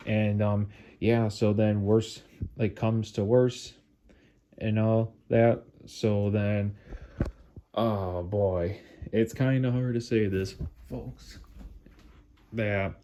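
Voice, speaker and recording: A man's voice: fairly low pitch, warm tone, muffled recording. A man hosting his own vlog, rambling with lots of filler words, dejected and sighing as if close to tears. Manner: rambling, full of "like" fillers and restarts. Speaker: model train hobby channel host. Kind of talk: casual vlog monologue. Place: at home, by a staircase.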